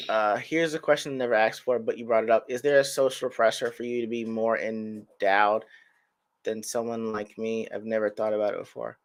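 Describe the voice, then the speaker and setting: A man's voice: fairly low pitch, steady tone, moderate pace. A man in his thirties, a podcast co-host, telling rambling, self-mocking stories in casual chat.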